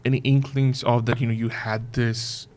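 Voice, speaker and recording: A man's voice: mid-range voice, flat delivery, moderate pace, a little mellow. A man hosting a podcast, asking long, casual questions padded with "you know" and "like". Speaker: podcast host. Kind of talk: podcast interview.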